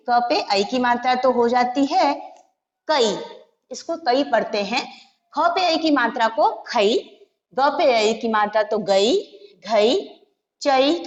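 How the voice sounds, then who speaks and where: A woman teaching a Hindi lesson to young children, patiently sounding out syllables one by one. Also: fairly high pitch. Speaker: primary school Hindi teacher. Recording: dull lo-fi recording with long hall reverb.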